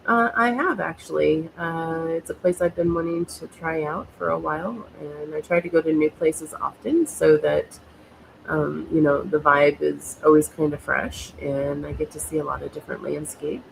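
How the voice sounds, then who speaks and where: A woman's voice: low voice, fairly even intonation, moderate pace, vocal fry, slight background noise, poor audio. An American woman hosting a casual talk, nasal from a cold, speaking in hesitant, rambling phrases with many fillers. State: has a cold. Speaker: host.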